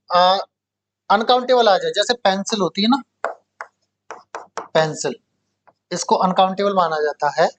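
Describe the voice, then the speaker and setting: A man from India teaching an English grammar lesson to a class. He asks questions and answers them himself, checks "okay?" often and repeats key words slowly. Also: high-pitched, fairly bright tone.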